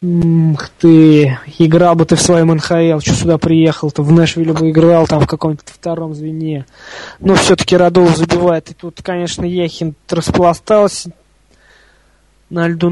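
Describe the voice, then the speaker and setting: A high-pitched male voice delivers live hockey play-by-play in a dry, close sound. He talks like a partisan fan, chatty and colloquial, with fairly little swing in his intonation. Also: level tone, normal speed, darkish tone, dry recording, rough recording. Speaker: hockey commentator.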